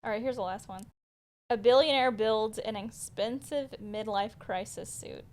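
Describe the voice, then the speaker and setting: A woman co-hosting a podcast, running a playful quiz game and teasing her guests with a lively, chatty manner. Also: on the high side, a little slow. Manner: playful, teasing, laughs often. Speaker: podcast co-host.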